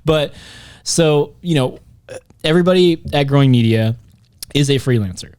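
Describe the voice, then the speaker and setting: A man's voice: a little high, moderate pace, darkish tone, clean tone. Chatty joking male podcast host. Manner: joking, rambling, self-correcting. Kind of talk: casual podcast chat.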